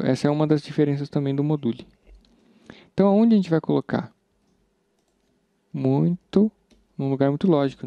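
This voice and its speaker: Man, Brazilian accent, coding tutor, casual and chatty, gravelly, dry lo-fi recording. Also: on the high side, dark tone, no echo. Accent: Brazilian Portuguese. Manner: chatty, informal, thinks aloud with slang. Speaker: programming instructor. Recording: dull, slightly lo-fi sound.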